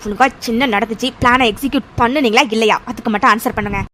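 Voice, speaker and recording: A woman's voice: on the high side, steady tone, fast talker, sharp tone, slight background noise. A woman voicing an impatient young accomplice in a cartoon, pressing and demanding on the phone.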